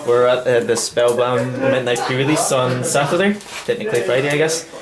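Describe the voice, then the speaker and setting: A man hosting a casual walkthrough in a busy game store at a midnight event, talking in a halting, stop-start way. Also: mid-range voice, fairly even intonation. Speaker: host opening card packs. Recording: echoey room with crowd chatter.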